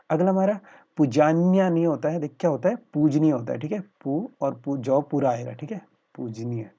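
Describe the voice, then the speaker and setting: Over a set of slides, a man with a medium-pitched, gravelly, mellow voice with a breathy edge spells Hindi words syllable by syllable for people preparing for exams. Treating viewers as friends, he asks his own questions, answers them, and leans on a recurring filler phrase. His voice-over has a dull, lo-fi quality.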